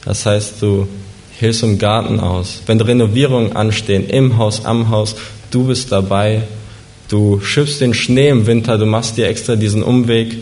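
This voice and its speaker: A man telling a vivid, suspenseful story in the second person, slowing down at dramatic moments. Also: lowish voice, fairly even intonation, a little mellow.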